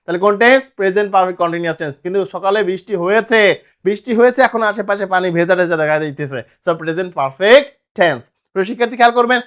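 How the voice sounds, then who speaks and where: A man teaching a grammar lesson, explaining slowly and asking his students questions. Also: high-pitched, a bit bright.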